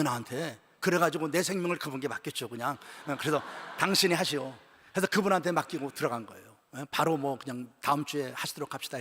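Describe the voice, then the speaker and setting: An older man, a pastor, preaching a sermon at a church retreat, telling a story and moving between hushed, almost whispered passages and loud, shouted high points. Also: breathy edge. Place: church sanctuary. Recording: long reverb of a large church hall.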